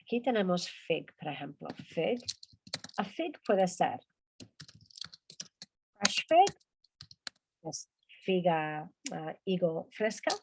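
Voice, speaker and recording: A woman leading a language lesson, taking her time and letting her pitch rise and fall widely as she works through a vocabulary list. She says each word over and over as a drill before explaining it. Faint keyboard clicks sit in the background. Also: sing-song, gravelly, darkish tone, a little hiss or hum. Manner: drills words by repeating them slowly, then explains. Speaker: English teacher. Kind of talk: online language class.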